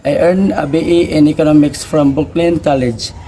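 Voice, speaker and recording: A young man, his voice a little high and mellow, recites a scripted first-person biography as a student presentation. He speaks at normal speed with fairly even intonation. Background noise and ambient room sound are audible.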